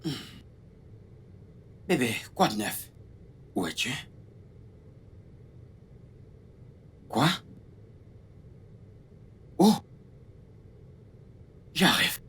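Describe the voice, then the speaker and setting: Dub voice as a wealthy man, very deep husky voice, commanding, lively pitch swings. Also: a little hiss or hum, heavily acted. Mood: pleased. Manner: commanding, quick to anger. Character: wealthy man defending his girlfriend. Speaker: voice actor in a French dub. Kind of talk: dubbed film acting.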